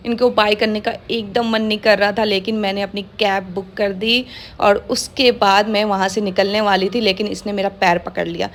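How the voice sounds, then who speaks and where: A woman's voice: mid-range voice, steady tone, moderate pace. A woman narrating a pet vlog in a casual, gushing and affectionate way, laughing often. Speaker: pet vlogger.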